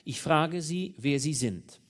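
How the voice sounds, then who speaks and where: A man's voice: on the high side, lively intonation, slow pace, pitched above the performer's own voice. A man doing a stern, commanding police commissioner. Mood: stern questioning. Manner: formal, commanding.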